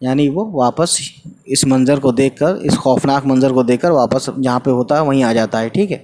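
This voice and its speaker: A man's voice: mid-range voice, a little mellow, a little hiss or hum. A man teaching an Urdu textbook lesson. He reads a line, explains it in simple words with some English mixed in, and checks in with his students.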